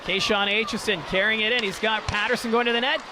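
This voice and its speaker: High-pitched man calling rapid hockey play-by-play. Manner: excited, building to drawn-out shouted goal calls. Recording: loud arena noise behind. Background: loud ice rink noise.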